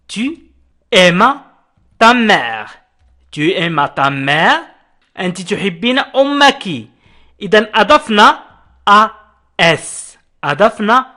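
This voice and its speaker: A man teaching a French lesson, spelling out verb endings letter by letter and slowly repeating each example. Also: high-pitched, bright, forceful tone. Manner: addresses viewers directly. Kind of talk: video lesson.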